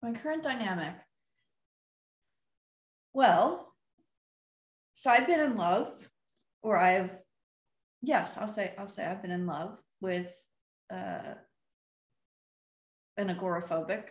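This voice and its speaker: A woman's voice: mid-range voice, lively intonation, slow pace, pauses often, reverberant. A woman appearing as a podcast guest, telling stories in a chatty, easily amused way. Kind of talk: casual chat.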